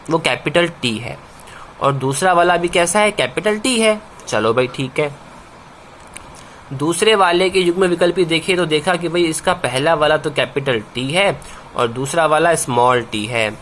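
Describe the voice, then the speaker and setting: A man teaching a science lesson to students, asking questions and answering them himself, repeating key words and slowing down on the answers. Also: a little high, fairly bright tone, slight background noise. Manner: calls students "bhai", slows down on key answers. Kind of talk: classroom-style video lesson.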